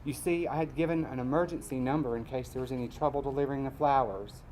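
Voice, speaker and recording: Guy reading his essay at a live event, mid-pitched voice, faint room hum. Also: a little mellow, poor audio. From Mississippi, US. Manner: measured storytelling, wry asides. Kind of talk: reading a personal essay aloud.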